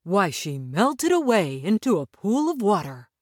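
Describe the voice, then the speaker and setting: A woman's voice: mid-range voice, very animated, measured pace, no room sound. A woman voicing a male scarecrow who speaks earnestly in a dry storybook reading. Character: male scarecrow, eager and plain-spoken.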